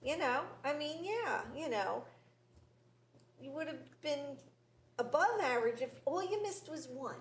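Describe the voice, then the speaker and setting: A woman's voice: sits high, lively intonation. An older woman hosting a show, running a trivia quiz in casual chat, teasing and laughing as she goes. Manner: slow, giggly, teasing quizmaster. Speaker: talk show host. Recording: roomy studio with faint hiss.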